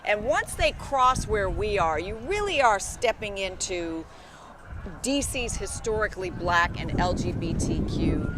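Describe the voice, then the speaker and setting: Female American parade commentator, celebratory and emphatic, medium pitch, live outdoors over noticeable traffic noise. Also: very animated, a little slow. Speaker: parade broadcast co-anchor. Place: outdoors beside a city traffic circle.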